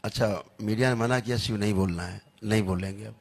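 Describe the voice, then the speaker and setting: A man acting as a spiritual healer who leads a public healing session, chanting softly and making wry jokes. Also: on the low side, a little fast, gravelly. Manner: soothing, chanting, wryly joking.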